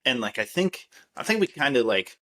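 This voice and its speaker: A man's voice: medium pitch, sing-song, normal speed, fairly bright tone. A man co-hosting a podcast in casual chat, rambling with repeated restarts and swearing. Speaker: podcast co-host.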